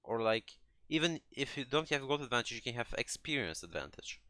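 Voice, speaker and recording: Very animated and a little fast, a gaming coach with a medium-pitched, bright, forceful voice talks a player through a replay, recorded with no room sound. His explanations are conversational and hesitant, with many restarts and repeated "right?" checks.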